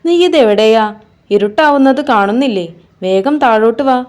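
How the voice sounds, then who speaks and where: A woman's voice: mid-range voice, normal speed, dark tone, close to an everyday voice. A woman voicing a worried young girl who anxiously and insistently calls her kite back, in a read-aloud storybook. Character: worried young girl, protective older sister.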